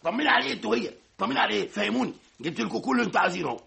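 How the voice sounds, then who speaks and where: Brief: harried Egyptian family man in a vintage radio drama, very fast and gravelly. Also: sits high, lively intonation, pushed and bright, heavily acted. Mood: fussing. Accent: Egyptian Arabic. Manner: pleading, apologetic, then fussing. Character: harried young father of many daughters.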